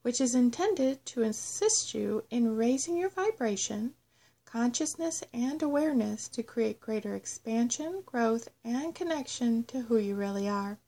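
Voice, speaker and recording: A woman narrating a scripted guided meditation in a measured, instructional way. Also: fairly high pitch, expressive, warm tone. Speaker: host of a guided self-love meditation audio.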